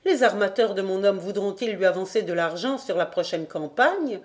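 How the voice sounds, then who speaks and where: A woman's voice: medium pitch, expressive, normal speed, a little mellow, lightly acted. A woman voicing a worried, poor mother of four in an audiobook, speaking plaintively.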